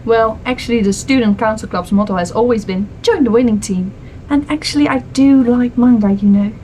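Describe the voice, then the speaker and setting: A woman's voice: a little high, a little fast, mellow, slight background noise, lightly acted, rough recording. A woman playing a smug, chatty turncoat club member in a hobby film. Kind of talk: hobby convention film acting.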